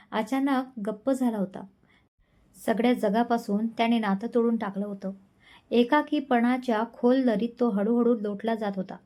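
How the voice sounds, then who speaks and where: A woman's voice: on the high side, dark tone. A woman storyteller reading an emotional love story in a dramatic, emotive way. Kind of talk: scripted emotional narration.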